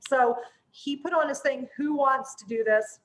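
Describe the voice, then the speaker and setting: Female host, high voice, informal and excitable, casual promo chat. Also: unhurried, low-quality recording.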